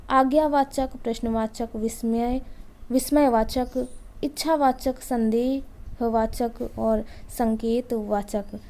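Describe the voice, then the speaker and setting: A woman teaching an exam-prep lesson. She reads out each question number and then explains the answer steadily. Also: high-pitched.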